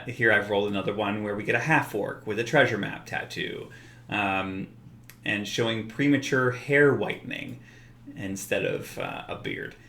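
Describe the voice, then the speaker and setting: A man walking through a software tool in a relaxed tutorial, explaining step by step with frequent filler words. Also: fairly low pitch. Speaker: software developer demonstrating his tool. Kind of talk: screen-recorded software tutorial. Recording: roomy echo.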